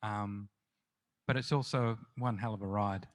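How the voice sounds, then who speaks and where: A man's voice: on the low side, steady tone, unhurried. A middle-aged man, a crime novelist being interviewed, telling anecdotes in a chatty, self-deprecating way full of restarts and fillers. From Australia. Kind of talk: festival interview, anecdotal storytelling.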